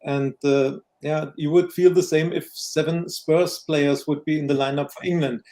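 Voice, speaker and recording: German-accented man, mellow and halting. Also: a little high, fairly even intonation. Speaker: guest football pundit. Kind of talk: casual football discussion.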